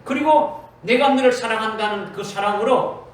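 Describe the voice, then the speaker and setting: High-voiced preacher in an echoey hall. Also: male voice, normal speed. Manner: emphatic, repeats 'very' often, quotes Jesus in direct speech. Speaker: pastor. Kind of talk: sermon. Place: church sanctuary. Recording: echoey church hall from far off, faint noise.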